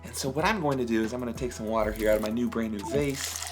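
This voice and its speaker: A man in his thirties hosting a children's science show with an excitable, theatrical manner, like a kids' party magician. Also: mid-range voice, fast talker, faint music behind. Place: kitchen indoors.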